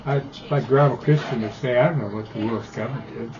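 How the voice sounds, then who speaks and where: Heard over dull lo-fi ham radio audio that is very noisy, an American amateur radio operator in his eighties talks casually at a fairly quick pace in a medium-pitched voice. His manner is rambling, blunt, and opinionated.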